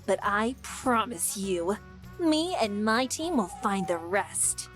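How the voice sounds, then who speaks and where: An actress voicing a proud, excitable young woman who hunts treasure as a rival, with dramatic, incredulous delivery. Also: medium pitch, slow, faint music behind. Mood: defiant. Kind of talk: game voice acting.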